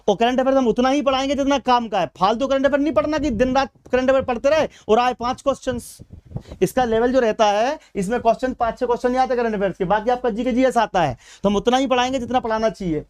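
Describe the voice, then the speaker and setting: A man's voice: extremely high pitch, clear, resonant tone. A man with a Madhya Pradesh Hindi accent teaching a live exam-prep class, chatting casually with his students and calling them beta and bhaiya.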